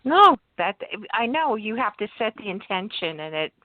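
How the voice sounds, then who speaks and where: A woman's voice: mid-range voice, sing-song, normal speed, no room sound. A woman from New York calling into a radio show over a phone line, chatty and thankful. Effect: phone-line call into a radio show. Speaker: caller. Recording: dry tinny phone line.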